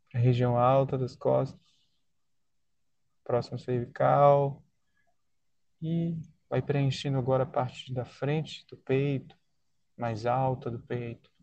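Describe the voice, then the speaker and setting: A man with a Brazilian accent leading a guided body-scan relaxation in a soothing, unhurried way, leaving long pauses between short phrases. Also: medium pitch, fairly even intonation, darkish tone, dry recording. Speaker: guided meditation leader.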